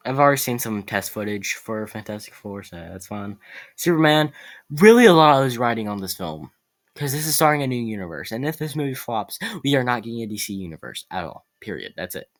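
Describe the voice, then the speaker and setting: Casual and eager, a man vlogs on upcoming films, wandering off topic and fixing his own words as he goes. His voice is medium-pitched and fairly quick.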